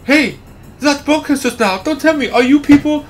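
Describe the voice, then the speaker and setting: A man voicing a timid, anxious young woman in a worried, pleading falsetto. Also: moderate pace, faint music behind. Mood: alarmed.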